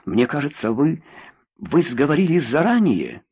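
A man's voice: fairly high pitch, huge pitch swings, a little slow, slightly rough, pitched above the performer's own voice, exaggerated voice. A man voicing a proud, suspicious young queen in an audiobook, speaking coolly and sharply. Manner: cool and sharp.

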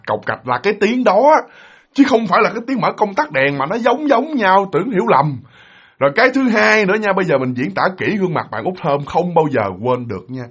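A man's voice: fairly high pitch, a bit bright, husky. A man with a Southern Vietnamese accent who tells a ghost story to his audience in a vivid, dramatic way.

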